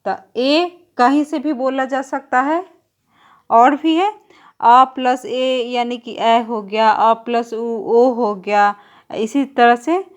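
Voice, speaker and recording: Slow, deliberate woman teacher. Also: a little high. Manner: slow, deliberate explaining, drawing out example sounds; writes on a board while teaching. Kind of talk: exam-prep grammar lesson.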